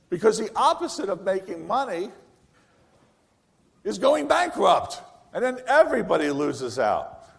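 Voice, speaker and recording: An older man tells stories from the stage of a large conference hall, his slightly high voice carrying a long reverberant tail. He talks in an animated way, with wry asides and quick self-corrections. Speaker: conference speaker. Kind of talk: conference keynote talk.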